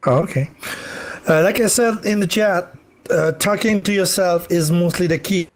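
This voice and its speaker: A man's voice: sits high, moderate pace. A man on a casual streaming panel, talking in an easygoing, self-deprecating way. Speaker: panel guest.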